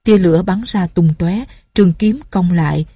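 A woman narrating a martial arts novel as an audiobook in a steady storytelling manner. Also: fairly low pitch, normal speed, breathy edge, dry recording.

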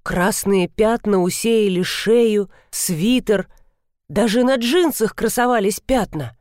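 Woman narrator, audiobook, first-person story, slow measured reading, dry close mic. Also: medium pitch, darkish tone, no room sound.

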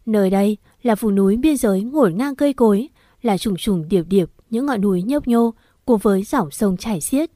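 A woman narrating a scripted first-person horror story in a steady, emotional storytelling manner. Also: medium pitch, normal speed, dry recording, studio quality.

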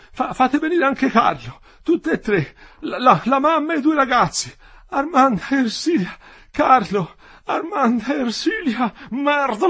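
A man's voice: high voice, bright, forceful tone, husky, pitched above the performer's own voice, full character voice. A man reading the part of an older builder, wry and teasing, who later gasps in pain and slips into delirium. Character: old weary Florentine builder, dying after a fall.

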